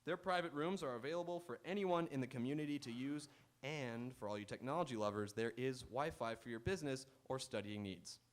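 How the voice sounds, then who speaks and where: A quiz show host with a medium-pitched voice talks fairly quickly while hosting a live game show on an auditorium stage. He banters playfully and reads announcements to the audience.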